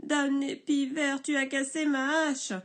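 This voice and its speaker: Lady doing a big angry woodcutter guy from a kids' book, yelling, all worked up. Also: sits high, normal speed, close to an everyday voice. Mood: ranting. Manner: shouting, indignant outbursts. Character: big blustering male woodcutter, furious.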